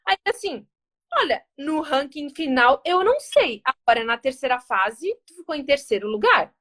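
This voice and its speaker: A Brazilian woman diplomat tells a story during an interview, her high-pitched voice moving at a normal speed. She's animated and acts out the quoted dialogue.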